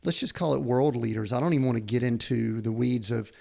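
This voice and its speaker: A middle-aged podcast host conducts a conversational interview, earnest and rambling as he hunts for the words to his questions. His medium-pitched voice is warm and fairly quick, with some vocal fry.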